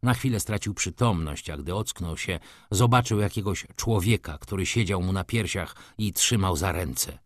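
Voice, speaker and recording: A man with a fairly low voice reads a classic novel aloud, measured and dramatic. He moves between hushed passages and intense ones. The sound is dry and close. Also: no room sound. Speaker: audiobook narrator. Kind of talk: dramatic literary reading.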